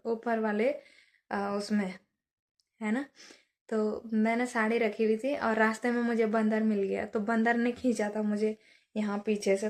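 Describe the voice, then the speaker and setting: A young woman vlogger telling a childhood story in a chatty, casual way, often adding little asides. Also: medium pitch. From Uttarakhand hills. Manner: chatty, many fillers and "है ना" asides.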